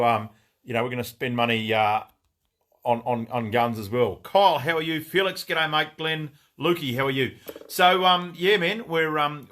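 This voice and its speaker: A man's voice: medium pitch, a bit bright. A man with an Australian accent hosting a casual live stream from his shop, greeting viewers by name and rambling through new stock with fillers and jokes.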